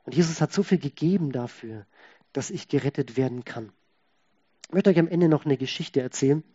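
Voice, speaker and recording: A man delivers a sermon in a dark, slightly husky voice. He drops to quiet asides and then builds to loud, emphatic lines, acting out the voices he quotes. The recording sounds dull and lo-fi. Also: fairly high pitch, fairly quick. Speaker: preacher.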